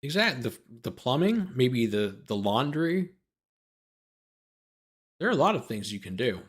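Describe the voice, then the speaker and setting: A man with a mid-range, slightly rough voice hosts a legal commentary show, taking his time as his pitch swings widely. He's a lawyer commentator reading a document aloud, stopping now and then for sardonic, off-the-cuff remarks.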